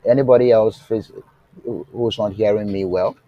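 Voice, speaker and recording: A man teaches web development in a live online class, often asking a rhetorical "what?" and letting students fill in the answer while checking that they're following. He's slow and deliberate, with fillers and restarts, in a lowish, steady voice. The recording is muffled with no room sound, and his voice sometimes goes faint over the remote connection.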